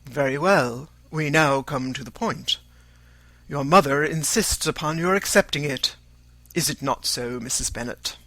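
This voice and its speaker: A narrator voicing an unruffled, sardonic older father in an audiobook, formal, measured and deadpan. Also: medium pitch, dry recording. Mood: stern.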